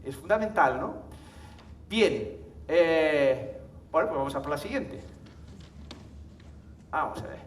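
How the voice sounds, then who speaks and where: This speaker addresses a live conference audience slowly, pausing often, with lively intonation in a slightly high voice. He's chatty, laughing and using tag questions to check in. Slight background noise comes through, and the far-off mic picks up the hall's echo.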